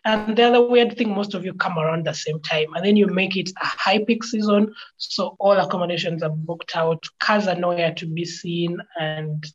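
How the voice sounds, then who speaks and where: A Ugandan woman with a fairly low voice gives calm, practical advice as a podcast guest. Her audio is dull and lo-fi. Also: normal speed, hardly any pauses, slight background noise. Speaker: podcast guest, travel vlogger. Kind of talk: casual interview answers.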